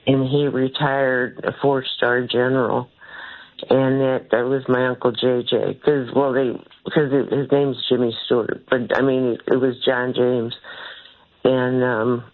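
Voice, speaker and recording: A woman from St. Louis calls in over a tinny phone line. She talks in a flat, even tone, halting and rambling, and trails off mid-sentence. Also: a bass voice. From St. Louis, Missouri. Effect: heard over a phone line. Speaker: caller. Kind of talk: call-in radio talk.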